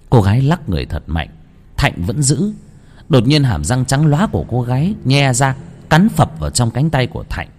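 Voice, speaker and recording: A man narrating a scripted ghost story with dramatic, expressive storytelling. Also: medium pitch, breathy edge.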